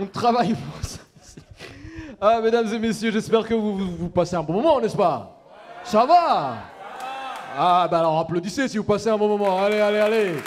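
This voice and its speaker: High-pitched teasing comedy club host. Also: male voice, background noise. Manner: loud, teasing, hypes the crowd. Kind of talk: stand-up emcee banter. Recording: live club with crowd and music.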